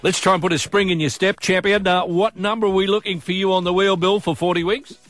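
A man's voice: high voice, steady tone, fast, fairly bright tone, no echo. Chummy middle-aged Australian male radio host. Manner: chummy, colloquial, blokey. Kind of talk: upbeat commercial radio presenting with casual banter. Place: radio studio. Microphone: close studio microphone.

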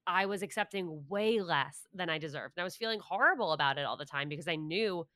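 A podcast host in her late twenties talks candidly and pokes fun at herself, laughing easily. Her voice sits a little low for a woman yet sounds bright and forward. The recording is close and dry, with no room sound. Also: fast, no echo. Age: 20s. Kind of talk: casual interview chat.

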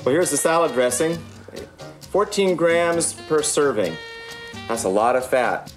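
A chef with a fairly high, expressive voice gives a cooking demonstration, explaining a dish step by step at an unhurried pace and speaking directly to his learner. Guitar music plays under his voice.

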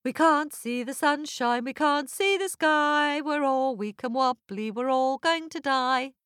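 A woman's voice: sits high, unhurried, a bit bright, no room sound, studio quality, pitched above the performer's own voice. A woman voicing a crowd of weak, starving people in a storybook tale, chanting in sing-song. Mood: miserable.

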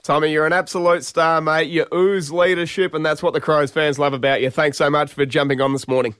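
A man's voice: a little high, level tone, a little fast, fairly bright tone, clear, resonant tone, no room sound, clean studio sound. An Australian man hosting a radio show in an upbeat presenting style. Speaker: radio host.

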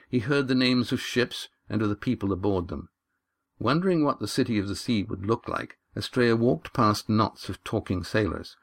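A man narrates a fantasy novel in an even, measured storytelling voice. His pitch sits on the low side, and he raises it a little for quoted speech. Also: creaky. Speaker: audiobook narrator. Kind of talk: scripted narration.

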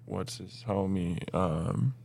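A man's voice: low-pitched, slow pace, gravelly, a little mellow, breathy edge. A young man chatting casually about music in slangy bro talk.

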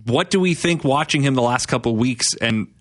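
A man hosting a sports talk show who sets up questions with facts in a measured way. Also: mid-range voice, expressive, no echo, studio quality. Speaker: host.

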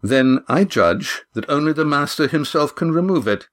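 A man's voice: fairly low pitch, animated, moderate pace. A man narrator voicing a proud young man who speaks earnestly and firmly in an audiobook.

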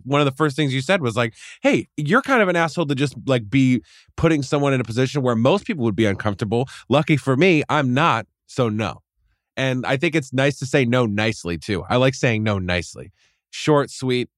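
Quick-talking man cohosting a podcast. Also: medium pitch, dry recording, clean studio sound. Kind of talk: casual chat.

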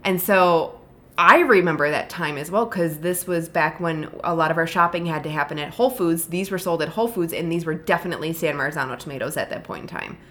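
A woman with a fairly low voice co-hosts a podcast in casual conversation. She tells stories with a wry, dry sense of humor. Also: brisk, fairly bright tone. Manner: wry storytelling, dry jokes. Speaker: podcast co-host. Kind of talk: casual chat.

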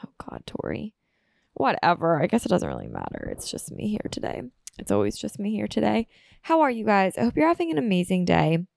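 A woman in her twenties rambles alone on her own podcast, chatty and full of fillers, sounding slightly sniffly from a cold. Her medium-pitched voice swoops wildly and sounds brisk, creaky, and darkish in tone, with a dry recording.

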